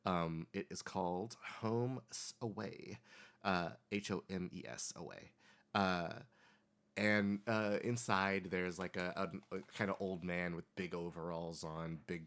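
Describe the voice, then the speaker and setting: A man's voice: low-pitched, fairly even intonation, measured pace, a bit bright. A man running a tabletop game, narrating casually and hesitantly as he searches for words. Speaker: game master.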